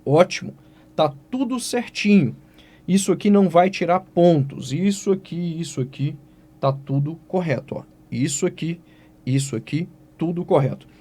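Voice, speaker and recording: A man's voice: on the high side, moderate pace, husky. A man with a Brazilian Portuguese accent teaching an exam-prep writing lesson, who keeps asking questions aloud and answering them himself. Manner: lively, asks and answers his own questions.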